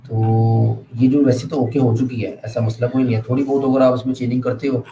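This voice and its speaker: A man's voice: medium pitch, flat delivery, a little fast, over music. A man showing his work in class, reading English lines aloud and addressing the teacher as sir. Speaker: student. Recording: echoey room, clear background noise.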